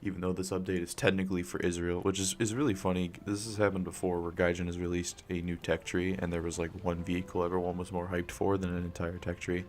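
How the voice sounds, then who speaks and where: A young man streaming from home with a raspy morning voice, rambling casually with lots of fillers and swearing, close to a desk mic. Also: low voice, flat delivery, quick pace, hardly any pauses, a little mellow, a little hiss or hum. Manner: rambling, loose, swears often, frequent fillers and coughs. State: raspy morning voice, just woke up. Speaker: gaming streamer. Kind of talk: casual live-stream chat. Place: home room, talking quietly since family is asleep. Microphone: desk microphone, close up.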